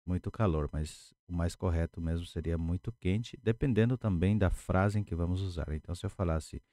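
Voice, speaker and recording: A man giving a language lesson at a whiteboard, patiently explaining words and repeating each one slowly. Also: deep voice, warm tone, no room sound. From Paraguay. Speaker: language teacher.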